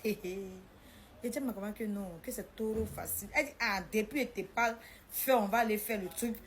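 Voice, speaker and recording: A woman's voice: medium pitch, normal speed, slight background noise. A woman telling her own story, acting out what people said in a shifting voice. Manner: animated, acts out the dialogue in a shifting voice. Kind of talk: personal storytelling.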